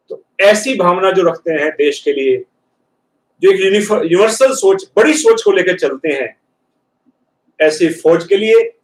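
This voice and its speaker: A man, a professor, giving an earnest motivational talk in a lecture hall and slowing down to stress key words. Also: sits high. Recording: echoey hall, speaker far from mic.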